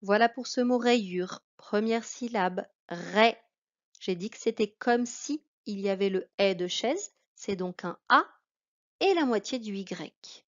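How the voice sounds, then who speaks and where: A woman with a French accent teaching a reading lesson to a child, speaking slowly and carefully. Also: mid-range voice, animated. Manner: slow, careful, addressing a child. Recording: dull lo-fi recording.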